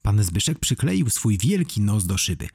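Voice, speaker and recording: A man reads a children's story with a lively, animated lilt. His voice is husky, and the recording is close and dry with no room at all. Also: fairly low pitch, moderate pace, dry recording. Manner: expressive storytelling. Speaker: audiobook narrator. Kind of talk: children's audiobook reading.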